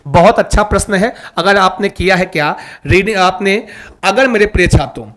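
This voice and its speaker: A man leads a live online lesson in a fairly high voice. He coaxes his students along, repeats the key terms again and again, and keeps pressing them to give an answer. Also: moderate pace, a bit bright. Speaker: online teacher for an exam-prep class.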